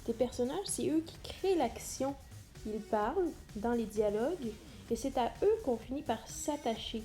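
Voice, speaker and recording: A woman's voice: on the high side, animated, normal speed, warm tone, soft background music. A woman giving an explanatory lesson as a teacher, speaking directly to the listener and stressing key words. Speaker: teacher presenting an instructional video. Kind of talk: explanatory lesson addressed to students.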